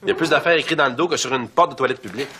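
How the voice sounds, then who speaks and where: A man's voice: mid-range voice, close to an everyday voice. An actor with a Quebec French accent playing a wry, sarcastic young father in a sitcom. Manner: quick, sarcastic comic delivery. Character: wry, fast-talking young dad. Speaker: father seeking a babysitter. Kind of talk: sitcom acting. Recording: loud background noise.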